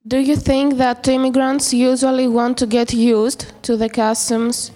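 A woman's voice: a little high, level tone, a little slow, dark tone, long reverb tail. A teenage girl from Greece, reading interview questions hesitantly with many fillers. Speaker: student interviewer. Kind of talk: scripted school podcast questions.

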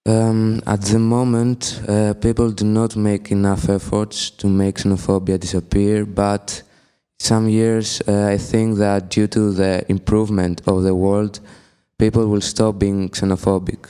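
A teenage boy from Greece, answering haltingly with many pauses. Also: on the low side, level tone, warm tone, clear, resonant tone. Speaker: student guest.

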